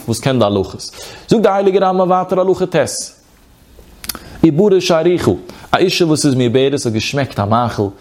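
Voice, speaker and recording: A man's voice: medium pitch, darkish tone. A man with a Yiddish accent giving a rabbinic lecture in a chanting sing-song study cadence. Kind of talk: Torah lecture on Yom Kippur fasting law.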